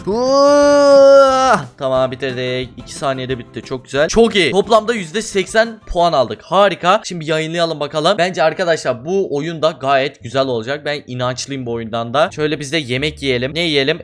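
A young man giving excited, chatty commentary on a game he is playing, talking often to his viewers. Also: medium pitch, fairly quick, few pauses, faint music behind. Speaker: gaming YouTuber. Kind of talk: excited Roblox let's play commentary.

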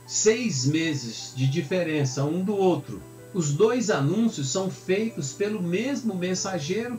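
A man's voice: high-pitched, roomy sound. Man teaching scripture. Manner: explanatory, conversational, uses tag questions. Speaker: pastor, Bible teacher. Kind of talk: Bible teaching sermon.

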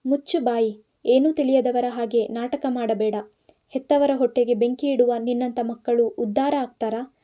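A woman's voice: a little high, steady tone, moderate pace, dark tone, natural voice. A woman voicing a stern middle-aged village father who scolds with a raised voice. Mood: furious scolding.

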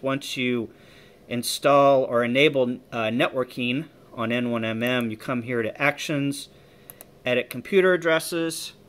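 This man's mid-range voice is smooth but pushed and bright as he gives a casual, slightly tentative hands-on tour of his amateur radio equipment, thinking out loud. He films on a handheld phone or camera in an indoor room with folding tables of gear.

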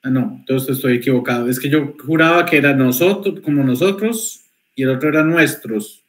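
A man's voice: mid-range voice, brisk. A man speaking as a student in an online class, answering tentatively and thinking aloud.

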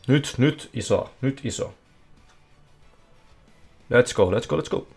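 Man, casino stream commentary, excitable, average pitch, faint music behind. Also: creaky, husky. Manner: excitable, bursts into yelling at wins. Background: faint music playing.

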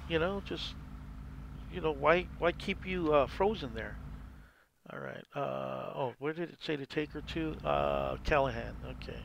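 A man's voice: a little high, unhurried, vocal fry, a little hiss or hum. A man hosting a gameplay video, explaining casually and rambling as he plays. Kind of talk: casual game commentary.

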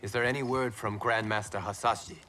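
A worried monk warrior. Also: male voice, fairly low pitch, fairly even intonation, brisk, pushed and bright, distant mic, a little hiss or hum. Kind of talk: video game cutscene acting.

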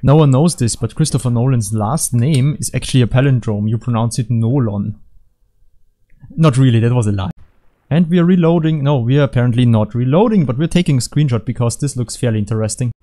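A man giving rambling, deadpan, joking commentary over video game footage from his computer at home. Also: medium pitch, brisk. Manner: deadpan, rambling, jokey asides. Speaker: gaming commentator.

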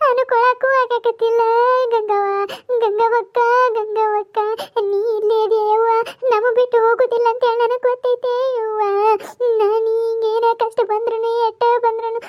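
A woman voicing a village neighbor woman who mourns a friend in drawn-out sing-song, with a North Karnataka Kannada accent. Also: very high voice, fairly even intonation. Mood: loud mourning. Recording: muffled lo-fi audio.

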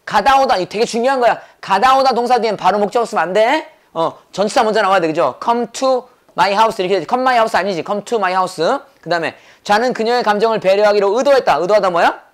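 A man teaching English grammar in a brisk lecture, drilling points over and over and firing rhetorical questions at his students. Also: high voice. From South Korea. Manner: quizzing with rapid rhetorical questions. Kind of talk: classroom lecture.

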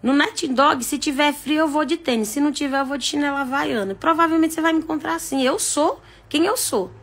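A woman with a high voice hosts a casual live stream. She talks frankly, with jokes and asides, and speeds up or drags her words for emphasis. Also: fairly quick, fairly bright tone. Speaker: psychic live-stream host.

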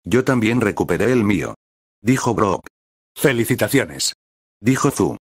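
A man reads a fan story aloud with a fairly low voice. His delivery stays even and steady across every character. The sound is dry and close. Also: unhurried, breathy edge, dry recording. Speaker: narrator. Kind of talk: scripted narration of a fan story.

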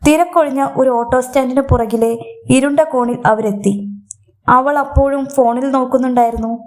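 A woman narrating a scripted story in a steady, measured reading. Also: high-pitched.

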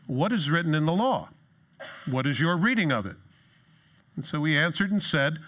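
A middle-aged man preaching from a church stage, lively and sarcastic, jumping into a higher voice when he quotes someone. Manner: lively, jumps into a high voice for quoted lines. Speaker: pastor. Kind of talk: sermon.

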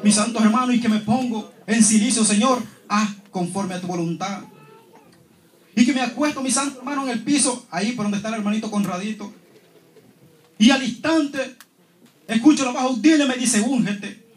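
A man's voice: extremely high pitch, brisk, a little hiss or hum. A man giving a fervent testimony in church, repeatedly addressing the congregation as his holy brothers. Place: church hall. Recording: echoey church hall.

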